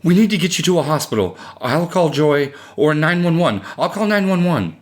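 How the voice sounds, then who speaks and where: A man's voice: mid-range voice, lively intonation, normal speed, voice pushed up, close to an everyday voice. A man voicing a frightened young wife and mother, anxious and pleading, in an audiobook reading. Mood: alarmed.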